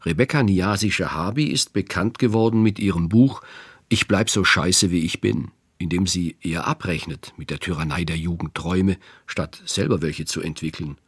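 A man's voice: sits low, slightly rough, dry recording. A man in his fifties giving a reflective scripted radio narration as host. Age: 50s. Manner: reflective, measured.

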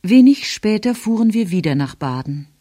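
A woman narrating a novel in calm, even storytelling. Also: mid-range voice, normal speed, no room sound, studio quality. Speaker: audiobook narrator. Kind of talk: scripted narration.

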